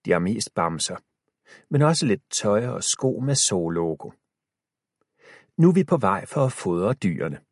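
A man reads a children's adventure aloud, lively in pitch and quickening or slowing with the suspense. His voice is low and husky, recorded close and dry. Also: dry recording. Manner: expressive, shifting pace with the tension. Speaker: audiobook narrator. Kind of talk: scripted storybook narration.

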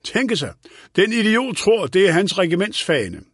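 A man's voice: high-pitched, big pitch swings, fairly bright tone, slightly rough, no room sound, studio quality, voice pushed up, exaggerated voice. A man voicing a fussy senile old lawyer. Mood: querulous. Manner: querulous, scolding, raised voice. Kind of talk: audiobook character voice.

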